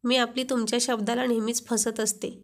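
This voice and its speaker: A woman's voice: on the high side, little pitch movement, brisk, close to an everyday voice. A woman voicing a shy young wife who flares up and gets flustered at her husband's teasing. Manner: coy, flustered.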